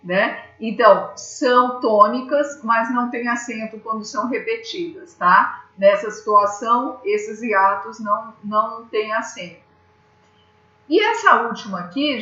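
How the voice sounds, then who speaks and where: A woman's voice: medium pitch, pushed and bright. A woman teacher from Brazil giving a grammar lesson, patiently explaining step by step and checking in with her students. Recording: echoey room, slightly dull sound.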